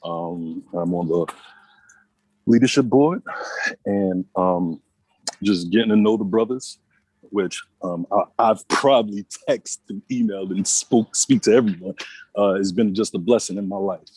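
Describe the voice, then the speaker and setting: Brief: friendly male entrepreneur, very low husky voice, dry close sound. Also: measured pace, no echo, poor audio. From New York. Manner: friendly, relaxed, many ums. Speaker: member introducing himself. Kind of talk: casual self-introduction.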